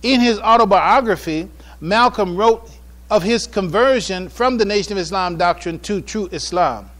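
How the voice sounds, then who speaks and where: Speaking in a notably high and slightly bright voice, this American man delivers a public address. He reads a prepared religious and historical lecture from notes, using formal, deliberate oratory and pressing hard on key phrases.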